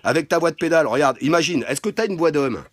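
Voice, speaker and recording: Guy on a home livestream taunting callers, laughing a lot, bouncy highish voice. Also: animated, fast, a bit bright, slight background noise. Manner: taunting, laughs often, repeats himself. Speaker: livestream host taking calls. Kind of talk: crude mocking phone banter. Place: at home, indoors.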